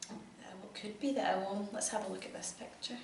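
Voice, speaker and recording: Reading a storybook aloud to a child, a woman with a Scottish accent speaks fairly quickly, her medium-pitched voice holding a fairly even intonation. She encourages the child with plenty of questions. The distant mic catches room echo and background noise.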